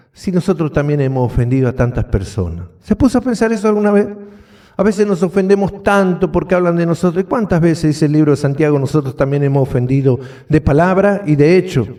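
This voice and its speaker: A man's voice: a little high, warm tone. A man with an Argentine accent preaching a sermon as pastor, asking the congregation questions as he goes. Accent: Argentine Spanish. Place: church hall.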